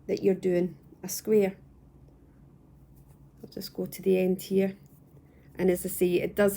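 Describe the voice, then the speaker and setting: A young woman from the UK calmly walking viewers through crochet stitches step by step at home, patient and repeating herself as she goes. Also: on the low side, vocal fry, slight background noise. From United Kingdom. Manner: calm, patient, repeats and restarts phrases. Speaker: crochet tutor. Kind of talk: step-by-step craft tutorial. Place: at home, indoors.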